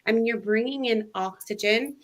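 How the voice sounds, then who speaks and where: A woman who guides mindful breathing, talking through it in a casual interview in an animated, expressive way. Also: a little high, normal speed.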